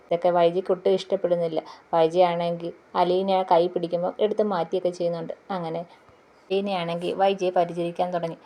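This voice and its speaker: A woman recaps a TV serial in an easy, chatty way, padding her sentences with drawn-out filler sounds. Her voice sits low and stays fairly flat, without much rise and fall. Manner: chatty, fills pauses with drawn-out "aa" and "then". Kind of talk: casual plot retelling.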